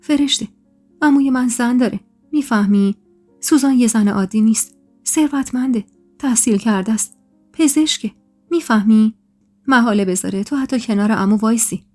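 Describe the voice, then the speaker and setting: A woman voicing an anxious young woman who urgently pleads with her friend, in a raised voice, over soft background music. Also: on the high side, lightly acted. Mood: urgent warning.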